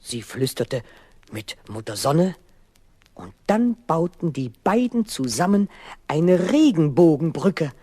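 A man narrating a children's fairy tale with vivid, expressive emphasis. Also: high voice, breathy edge. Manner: lebhaft betonend, malerisch erzählend. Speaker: Erzähler. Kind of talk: Märchenerzählung für Kinder.

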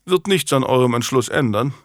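A man voicing a genial, self-assured young English king in an audiobook, speaking in a lively, smiling way. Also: mid-range voice, fairly quick, no echo, studio quality, natural voice. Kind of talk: audiobook character voice.

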